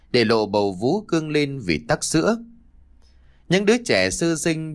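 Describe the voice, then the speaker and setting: Somber male storyteller with lively pitch. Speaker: audiobook narrator. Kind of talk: scripted storytelling narration.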